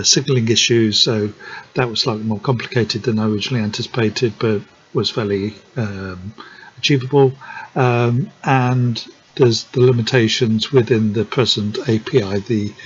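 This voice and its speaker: A man talking through a software tutorial in a hesitant, friendly way, with many ums and restarts. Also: mid-range voice. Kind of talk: unscripted screen-recording tutorial. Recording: dull lo-fi sound with faint noise.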